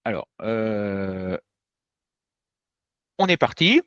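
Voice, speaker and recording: A man's voice: on the low side, big pitch swings, very slow, fairly bright tone, clear, resonant tone, no echo. A man teaching as a French teacher, giving an explanatory lesson in a direct, emphatic way that speaks straight to viewers. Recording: dull, slightly muffled sound.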